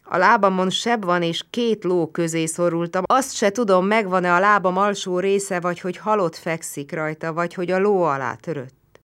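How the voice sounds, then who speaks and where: A woman's voice: lowish voice, a bit bright, clear, resonant tone, pitched above the performer's own voice, natural voice. A woman voicing a wounded young soldier, pinned between dead horses, who speaks urgently and coaxingly.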